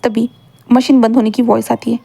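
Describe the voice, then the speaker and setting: Woman storyteller, very fast, dark mellow tone, rambling retelling. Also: fairly high pitch, level tone, creaky. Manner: rambling, repeats linking phrases. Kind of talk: retelling a fan fiction story.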